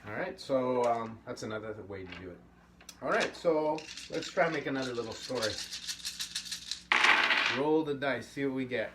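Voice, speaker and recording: Expressive and medium-pitched, this middle-aged man pauses often as he moves at a moderate pace through a casual, encouraging puppetry workshop, frequently rambling. He's at a table in an indoor studio, captured by a slightly distant mic with faint room hum.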